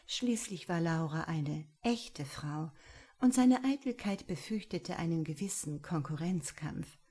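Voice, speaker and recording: A woman narrates a story in a calm, measured way. Her voice is dark and husky. She reads slowly. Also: on the low side. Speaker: audiobook narrator. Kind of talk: scripted narration.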